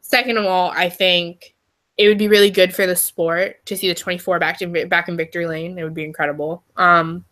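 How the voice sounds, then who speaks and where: A woman's voice: lowish voice, level tone, brisk, fairly bright tone. A young woman co-hosting a podcast, chatting casually and emphatically with lots of fillers. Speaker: podcast co-host. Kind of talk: casual chat.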